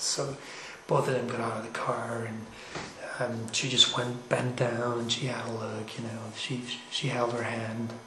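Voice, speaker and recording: A man's voice: mid-range voice, a little hiss or hum. A man telling a story casually and loosely, with frequent asides and restarts. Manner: loose and conversational, with frequent "you know" and "like" asides. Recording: roomy echoey room.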